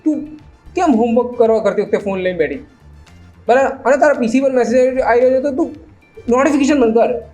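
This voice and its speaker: High pitched guy doing meme reactions, sarcastic, ranting, throws in english bits. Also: brisk, warm tone, faint music behind. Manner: mixes English phrases into his talk. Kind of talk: casual reaction commentary.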